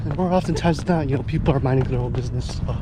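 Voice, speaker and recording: A man's voice: mid-range voice, very fast. Man talking while running, noisy outdoors. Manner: reflective, self-coaching. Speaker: vlogger. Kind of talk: casual vlog chat while running. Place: outdoors on a run in public. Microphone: action camera.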